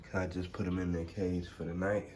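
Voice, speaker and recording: An American man talks straight to his viewers in a loose, slangy vlog style. His voice sits a little low. The handheld recording has clear background noise. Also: little pitch movement, brisk, a little mellow. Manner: informal, slangy, addresses viewers directly. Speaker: animal vlogger. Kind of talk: casual vlog chat to viewers. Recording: noisy on-location handheld vlog audio.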